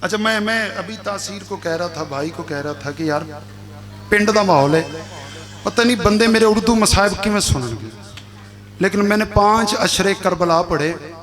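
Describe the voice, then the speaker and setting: A man with a Punjabi accent reciting a majlis to a village mourning gathering, moving from soft narration to shouted, sung lament. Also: high voice, lively intonation, normal speed. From Pakistan. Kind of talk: impassioned religious majlis oration.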